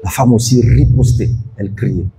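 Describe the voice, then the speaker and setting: A man's voice: medium pitch, normal speed, warm tone, a little hiss or hum. A pastor preaching an evening sermon, telling a story and calling out to his congregation to follow him.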